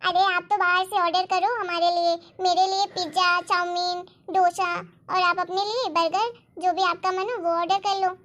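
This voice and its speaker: A woman playing a selfish young daughter-in-law who talks fast and complains sharply. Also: extremely high pitch, level tone, fairly bright tone. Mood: scheming. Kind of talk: family drama acting.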